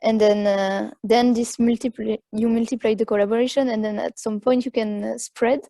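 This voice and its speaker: A woman artist speaking as a guest in an informal panel discussion, explaining things in a tentative, halting way. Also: fairly high pitch, steady tone, warm tone, no echo.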